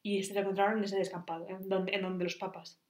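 A young woman telling stories in a casual chat among friends, quick and teasing, with a laugh often in her voice. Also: mid-range voice, flat delivery. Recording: echoey room.

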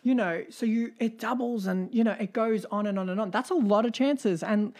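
A woman's voice: on the high side, moderate pace, a little mellow. A woman co-hosting a casual podcast chat, talking in an earnest, emphatic, motivational way with casual swearing. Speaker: podcast co-host.

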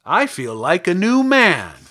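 Man voicing the Scarecrow, husky, high and swooping. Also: huge pitch swings, slow, sharp tone, exaggerated voice. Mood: grateful, relieved. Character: friendly, naive, talkative living scarecrow stuffed with straw.

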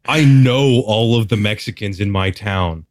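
Speaking a little slowly in a fairly low voice, a man from Texas talks candidly as a podcast interview guest, wry and casually swearing. The recording is dry.

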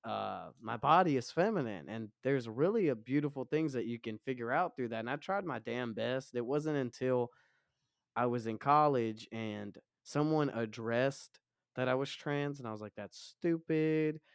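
Man, deep low voice, laid-back stoner drawl, candid interview chat, dry sound. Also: normal speed, gravelly, dry recording. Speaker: interview guest. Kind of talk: candid personal conversation.

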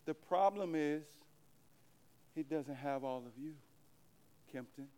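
A man's voice: a little high, slow, mellow. A man preaching a sermon at a church service, emphatic and repetitive as he addresses the congregation. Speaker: pastor.

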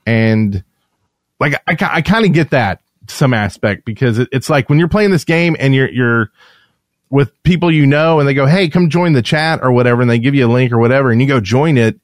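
A man's voice: mid-range voice, lively intonation, a little fast, dry recording, studio quality. A man co-hosting a podcast in casual chat, rambling and correcting himself as he talks. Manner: rambling, self-correcting, chatty. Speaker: podcast co-host.

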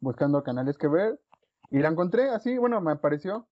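A man with a Mexican accent hosting a casual podcast chat, talking haltingly with many restarts. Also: fairly high pitch, very animated, no room sound, dull audio.

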